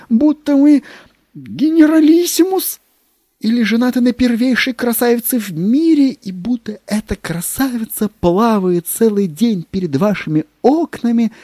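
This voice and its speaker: A man's voice: high-pitched, mellow, dry recording, voice pushed up, heavily acted. A man voicing a fawning court secretary who gushes about food, with a wheedling, savoring manner and dropping into whispers. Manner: wheedling, savoring every dish, slips into whispers.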